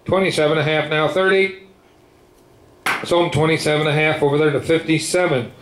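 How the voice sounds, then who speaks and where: Male auctioneer, slightly high-pitched, rolling repetitive bid chant; echoey, noisy room. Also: fairly even intonation, fairly quick. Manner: repetitive patter with filler words between numbers. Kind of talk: rapid rhythmic auctioneer chant calling bids. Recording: echoey room with clear background noise.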